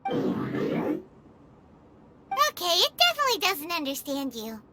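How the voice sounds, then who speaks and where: A woman voicing a tiny, excitable, childlike fairy companion in an anime video game, with a squeaky, chirpy delivery. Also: measured pace, heavily acted. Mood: puzzled. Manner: speaks of itself in third person, chirpy. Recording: music under the voice. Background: game music.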